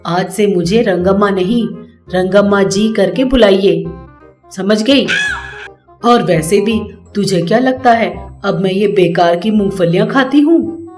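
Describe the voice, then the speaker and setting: A woman's voice: medium pitch, unhurried, a little mellow, echoey room, close to an everyday voice. A boastful older mother-in-law in a cartoon story, played by a woman, puffed up by new money. She scolds people and lords it over them in a haughty way. Faint music plays under her.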